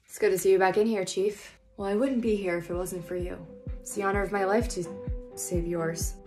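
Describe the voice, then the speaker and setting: A woman acting out a parody of a medical drama, switching between urgent shouted orders and hushed, earnest lines. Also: medium pitch, steady tone, over music. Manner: rapid melodramatic delivery, shifting between shouting and hushed tones. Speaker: sketch comedian playing every doctor.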